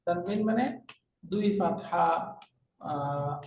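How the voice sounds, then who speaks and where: A male Arabic teacher with a Bangladeshi Bengali accent giving a classroom lecture, slowly repeating terms and asking rhetorical questions. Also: high-pitched, a little mellow. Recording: echoey room, far from the mic, faint noise.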